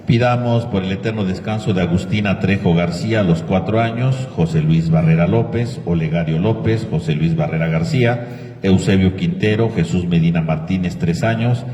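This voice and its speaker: A priest preaches at Mass in a large church, posing rhetorical questions and leading prayers. His low, mellow voice moves at a moderate pace, ringing with cathedral echo, and is recorded from far off in the echoey hall.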